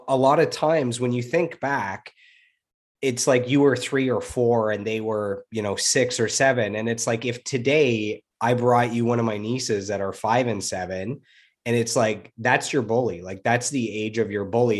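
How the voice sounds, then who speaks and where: A man hosting a podcast conversation, speaking in a thoughtful, relaxed way with a few fillers. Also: mid-range voice.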